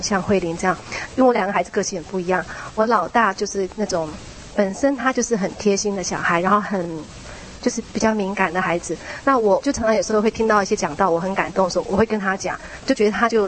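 A woman, a mother, sharing her own story in a church small group, chatty, with a soft tag particle at the end of her phrases. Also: medium pitch, a little hiss or hum, poor audio.

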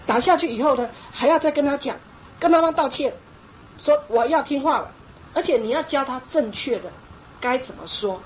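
Middle-aged woman preacher, high voice, emphatic and repetitive, acts out scolding. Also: slight background noise, rough recording. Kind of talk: sermon on parenting.

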